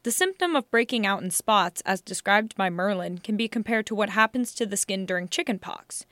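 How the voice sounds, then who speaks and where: A woman co-hosting a podcast, reading scripted narration in a measured, deadpan manner. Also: medium pitch, dry recording. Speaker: podcast co-host.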